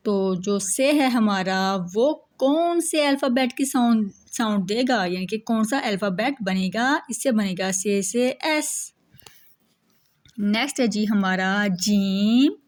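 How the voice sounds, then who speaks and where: Slow, patient woman teaching the alphabet. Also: mid-range voice, animated. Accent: Urdu-speaking Pakistani. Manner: slow, patient, repeats each sound, asks and answers own questions. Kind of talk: children's alphabet lesson.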